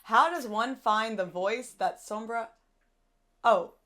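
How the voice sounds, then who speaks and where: Woman, interview host, bright crisp voice, upbeat, casual, reading questions. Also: on the high side, slow pace.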